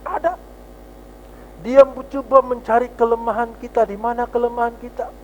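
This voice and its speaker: A man with a Sabah Malay accent preaching a sermon in church, animated, acting out little scenes and laughing often. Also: very high voice, moderate pace, dull audio, a little hiss or hum.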